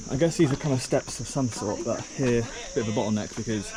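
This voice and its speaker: A man narrating his travel vlog outdoors in a chatty, rambling way, full of ums, into a handheld camera. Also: medium pitch. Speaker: travel vlogger. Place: outdoors on a rock trail. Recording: outdoor noise with insects and crickets.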